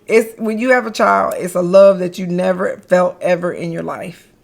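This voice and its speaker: Woman, middle-aged, gravelly voice, playful, emphatic repetition, casual interview chat. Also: lowish voice, steady tone, normal speed. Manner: playful, laughs often, repeats words for emphasis. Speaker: guest, mother and business founder.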